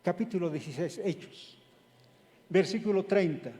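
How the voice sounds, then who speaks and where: A man's voice: high-pitched, moderate pace, warm tone, big-room sound. A man preaching a sermon, who retells a scripture story step by step and then explains it.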